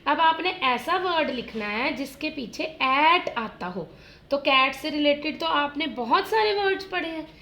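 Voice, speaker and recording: A woman teacher giving a phonics lesson to young children, sounding out rhyming words slowly and repeating them in drills. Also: high-pitched, pushed and bright, roomy sound. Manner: slow, drawn-out word drills addressed to children as "beta". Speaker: primary school teacher.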